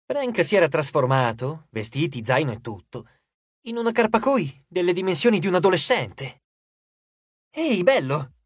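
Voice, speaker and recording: A man narrating an audiobook with dramatic, expressive delivery and character voices. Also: moderate pace, husky, no room sound. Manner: dramatic, shifts pitch and loudness for characters.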